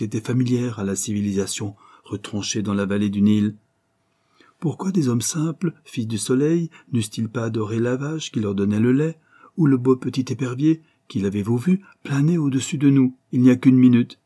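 A man's voice: medium pitch, moderate pace, mellow, breathy edge, lightly acted. A man voicing a tall, graying archaeologist who tells a tale in a commanding, storytelling manner. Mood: musing. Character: tall weathered graying male archaeologist, authoritative.

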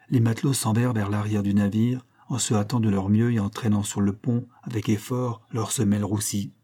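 A man narrating a novel in a measured, literary reading. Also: lowish voice, mellow, husky. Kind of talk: scripted narration.

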